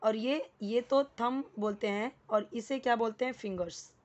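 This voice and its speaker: A woman's voice: a little high, unhurried. Patient woman teaching in lo-fi audio. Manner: patient, repeats words, checks with "ठीक है". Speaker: English teacher. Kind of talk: casual Hindi explanatory lesson.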